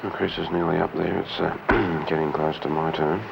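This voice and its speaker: A man's voice: low-pitched, fairly even intonation, moderate pace, vocal fry. A man, a novice climber, talking casually and wryly about his climb outdoors. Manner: wry, self-mocking. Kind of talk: casual chat and commentary while climbing. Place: outdoors at a rocky cliff. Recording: dull 1970s location film sound, very noisy.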